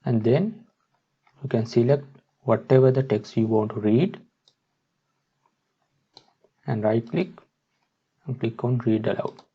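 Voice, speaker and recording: A husky man with a mid-range voice narrates a software tutorial step by step. His instruction comes out haltingly, and the microphone sounds muffled and dull.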